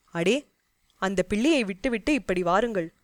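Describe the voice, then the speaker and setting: A woman's voice: mid-range voice, expressive, normal speed, dry recording, close to an everyday voice. Woman voicing a stern older fort commander. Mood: angry. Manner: commanding, scolds guards.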